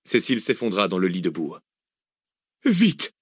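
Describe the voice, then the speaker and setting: A man reading an adventure novel aloud in a steady storytelling voice. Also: fairly low pitch, normal speed, no room sound, studio quality. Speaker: audiobook narrator. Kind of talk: scripted narration.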